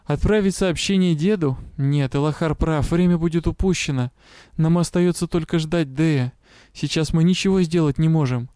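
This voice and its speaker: A male reader doing a brisk, motherly witch. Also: on the high side, mellow, smooth, dry recording, studio quality, lightly acted. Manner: hissing, brisk, fussing. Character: caring middle-aged witch, sharp-tongued but motherly.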